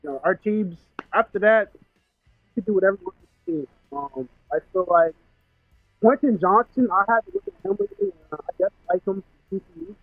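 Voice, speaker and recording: Muffled high-voiced man, as if through a wall. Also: sing-song, gravelly, dry recording, soft background music. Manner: halting, with many fillers and restarts. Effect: muffled, as if heard through a wall. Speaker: caller. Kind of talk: casual call-in chat about football. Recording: dull muffled phone call.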